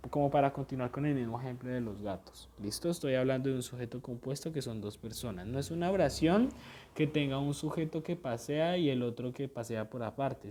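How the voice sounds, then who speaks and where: A man's voice: fairly high pitch, darkish tone, slight background noise. A male teacher giving a grammar lesson, explaining each point patiently, checking that students follow, and repeating things with small self-corrections.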